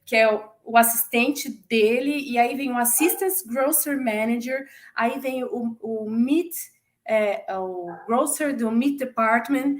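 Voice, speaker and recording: Lively Brazilian woman in her forties. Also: a little high, unhurried. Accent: Brazilian Portuguese. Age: 40s. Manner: lively storyteller who acts out quoted voices. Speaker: former flight attendant telling her story. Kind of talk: casual chat interview.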